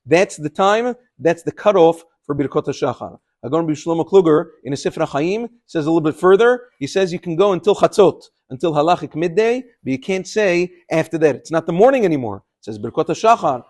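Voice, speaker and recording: A man's voice: a little high, animated, fairly quick, few pauses, a little mellow. A man giving an explanatory religious lesson as a rabbi, instructing in English sprinkled with Hebrew terms. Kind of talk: religious lecture, explanatory, partly unscripted.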